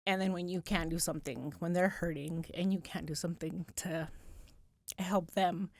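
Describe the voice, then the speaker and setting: In a casual podcast-studio interview, a police community outreach coordinator appears as a guest. Her lowish voice keeps fairly even intonation at a moderate pace as she speaks heartfeltly and openly about her outreach work.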